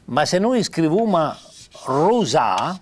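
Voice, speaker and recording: Halting older man with a Piedmontese accent. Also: mid-range voice, very animated, slight background noise. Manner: halting, with many pauses and fillers. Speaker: writer teaching Piedmontese spelling. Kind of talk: informal spoken lesson.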